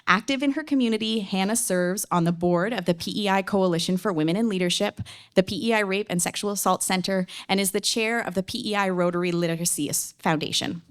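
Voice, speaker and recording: A woman's voice: medium pitch, quick pace. Informal woman moderator with a Newfoundland accent. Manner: informal, self-deprecating, joking. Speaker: debate moderator. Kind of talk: event welcome and introductions at a podium. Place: public event room, speaking at a podium to an audience.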